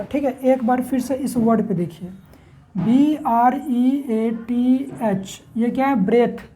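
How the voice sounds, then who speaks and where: A woman with a fairly high, mellow voice gives a classroom-style English pronunciation lesson, heard through a rough recording. She spells words out letter by letter and poses questions to herself before answering them.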